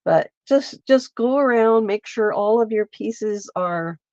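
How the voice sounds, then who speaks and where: A woman with a stuffy, congested voice, slowly walking viewers through a craft step by step and chatting with them as she works. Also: medium pitch, warm tone, dry recording, dull audio. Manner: slow, meandering, chats with viewers while working. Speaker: craft livestreamer. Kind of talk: casual craft demonstration. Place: home, at her lap.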